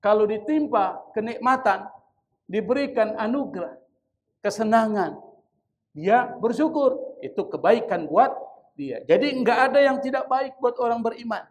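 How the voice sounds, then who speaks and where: A man's voice: high voice, animated, measured pace. A man giving a Quran commentary sermon, asking and answering his own questions, mixing in Arabic recitation and calling his listeners sir. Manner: addresses listeners as sir, casual asides; mixes Arabic recitation into talk. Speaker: Quran teacher.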